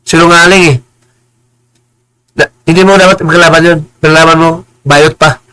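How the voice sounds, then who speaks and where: A man with a bright, sharp voice rants on a live stream. He is combative and insulting, stammers and repeats words, and now and then slows into preachy English phrases. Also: a little high, steady tone, clear, resonant tone, poor audio. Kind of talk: heated live-stream rant.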